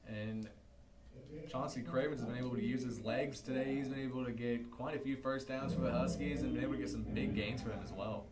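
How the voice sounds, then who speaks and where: A young man giving color commentary for a high school football livestream, explaining plays and reading out other scores. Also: fairly even intonation, fairly quick, over a noisy crowd. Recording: roomy sound with noise.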